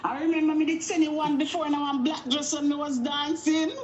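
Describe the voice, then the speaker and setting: A woman's voice: sits high, little pitch movement, fairly quick, a little mellow. Fifty-something Jamaican woman calling in. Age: 50s. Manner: friendly, chatty, patois. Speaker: caller. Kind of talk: casual phone-in chat. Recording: dull line with faint noise.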